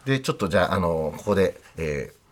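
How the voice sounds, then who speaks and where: A man's voice: deep voice, expressive, fast, very noisy. A man co-hosting a radio show, asking the guest eager questions and talking about shows he loved. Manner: enthusiastic fan, eager questions. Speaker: radio co-host. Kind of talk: casual radio interview chat. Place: radio studio.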